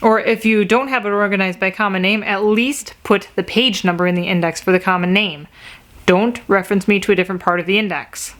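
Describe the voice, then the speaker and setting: امرأة تراجع كتابًا بصراحة وانزعاج خفيف. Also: female voice, medium pitch, steady tone, brisk, a bit bright. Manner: frank, critical, mildly exasperated. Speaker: book reviewer. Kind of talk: casual book review.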